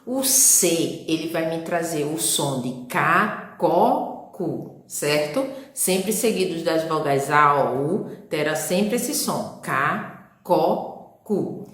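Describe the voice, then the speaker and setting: A woman's voice: low voice, expressive, takes it slowly, fairly bright tone, roomy sound. A woman teacher with a Brazilian Portuguese accent, giving a recorded lesson to young children and sounding out letters and syllables patiently.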